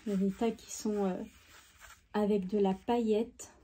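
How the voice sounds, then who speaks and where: Showing off her craft supplies in a relaxed product show-and-tell, this woman YouTuber talks with enthusiasm and lots of fillers. Her mid-range voice is mellow with fairly even intonation and a normal speed, and there's slight background noise.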